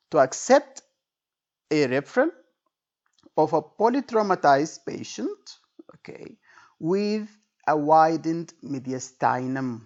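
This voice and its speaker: A man tutoring for an exam speaks in a loose lecture style, acting out example phrases, repeating things and frequently checking that the listener follows with "okay" and "right." His voice is fairly high and creaky, captured in a dull lo-fi recording.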